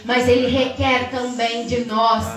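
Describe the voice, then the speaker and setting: A young Brazilian woman preaches a Pentecostal sermon in Brazilian Portuguese, her fervent, sing-song cadence climbing to shouts. Her voice is fairly high, level, and slow, picked up by a far camera across a large tiled church hall.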